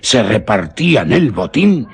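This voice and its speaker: A suspense story is told by a man whose voice is on the low side, husky, rough-edged and sing-song. His narration is deliberate and theatrical, styled like literary radio theatre.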